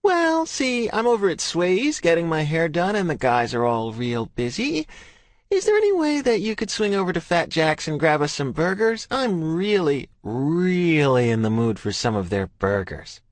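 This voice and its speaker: A man's voice: on the high side, very animated, normal speed, no echo, pitched above the performer's own voice. A man voicing a meddling young woman friend who sings her words sweetly while scheming, in an audiobook. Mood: sugary scheming. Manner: sing-song, sugary, scheming. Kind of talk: audiobook character voice.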